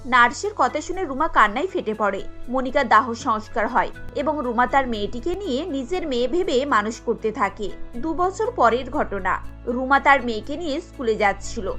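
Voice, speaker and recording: A woman narrating a cartoon story in a steady, scripted read. Her voice sits high. Faint music runs behind her. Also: normal speed.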